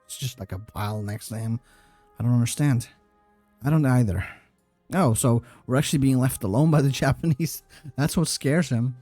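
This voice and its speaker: A man's voice: medium pitch, moderate pace, dark tone, no echo, soft background music. A man giving casual, rambling gameplay commentary, swearing offhandedly and laughing at his own mistakes. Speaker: gaming YouTuber.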